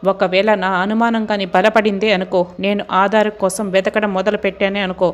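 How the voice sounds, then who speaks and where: A woman's voice: medium pitch, little pitch movement, moderate pace, lo-fi sound, close to an everyday voice. A woman voicing a firm, protective young woman who speaks sternly, as dialogue in a serial recap. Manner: stern, warning.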